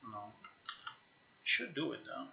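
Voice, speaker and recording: A game developer live-streams a casual screen-share, thinking aloud slowly in a halting, musing way as if talking to himself. His voice is sharp and bright, and the stream audio is slightly dull and lo-fi.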